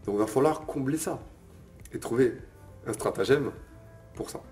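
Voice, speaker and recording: A man's voice: mid-range voice, moderate pace, a little mellow. Young man, fitness coach, casual lesson, informal and chatty, faint background music. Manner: informal, addresses viewer as tu, frequent "ok?" and "euh". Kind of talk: casual bodybuilding lesson to camera.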